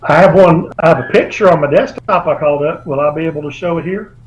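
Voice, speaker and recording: A man's voice: a little high, quick pace, low-quality recording. A man, an author being interviewed over a video call, telling long rambling anecdotes. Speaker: author guest. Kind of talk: remote interview.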